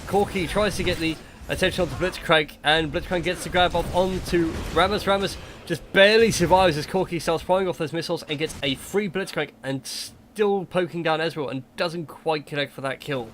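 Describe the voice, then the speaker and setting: A man doing chatty play-by-play commentary on a video game match, quick and joking. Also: a little high, a bit bright, slight background noise. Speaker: game caster.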